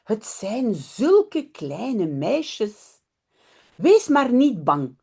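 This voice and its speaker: A gentle storybook mother, as a teacher reads her aloud, softly chiding and soothing her child. the tone is dark and mellow, the pace unhurried, and the pitch moves a lot. plain read-aloud feel. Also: very animated, vocal fry, husky, heavily acted. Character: gentle mother, mildly scolding then soothing.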